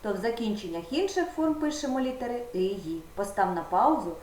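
A woman's voice: medium pitch, expressive, fairly quick, a little mellow. Patient teacher woman, roomy sound. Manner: patient, guiding, talks directly to the pupil. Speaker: primary school teacher. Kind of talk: video lesson for children. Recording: roomy echo with faint background noise.

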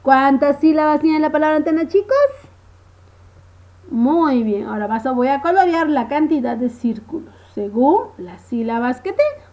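A lively primary school teacher gives a remote first-grade phonics lesson, speaking slowly in a high, sing-song way. She stretches her words and keeps asking "¿sí?". The recording is muffled.

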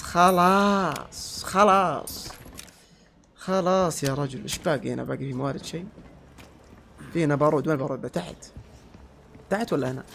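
A man giving let's-play commentary, yelling insults at enemies and then dropping to low muttering. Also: vocal fry, a little hiss or hum. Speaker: gamer.

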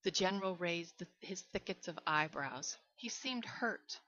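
A woman reading a short story aloud in a measured, steady way. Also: lowish voice. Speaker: reader. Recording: dull lo-fi recording.

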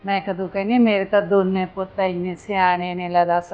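An actress playing a fretful, kind mother who soothes her grown son with gentle pleading. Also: mid-range voice, little pitch movement, brisk, dull audio, soft background music, close to an everyday voice. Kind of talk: Punjabi short film acting.

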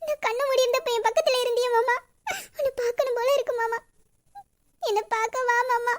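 A woman's voice: very high-pitched, steady tone, fast. A young woman voicing a devoted wife who tearfully pleads for her absent husband in an audio drama. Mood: pleading. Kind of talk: emotional audio drama acting.

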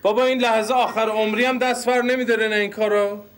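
A man plays a preachy detective in a TV comedy, his voice pitched very high for a man. He scolds and explains at length. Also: level tone, a little hiss or hum, close to an everyday voice. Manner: lecturing, reproachful. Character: earnest scolding detective Ardalan. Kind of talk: TV sitcom acting.

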